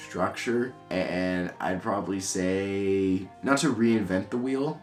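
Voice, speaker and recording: A twenty-year-old vlogger answers yearly self-interview questions about his own year, speaking slowly in a low voice. He's candid and chatty, poking fun at himself, with soft music playing faintly underneath.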